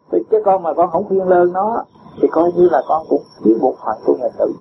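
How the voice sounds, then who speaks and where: On a dull, faintly hissing lo-fi recording, a Buddhist teacher answers a disciple with a patient dharma talk. His voice is high-pitched, gravelly, expressive and brisk, and he explains with homely examples while chuckling often.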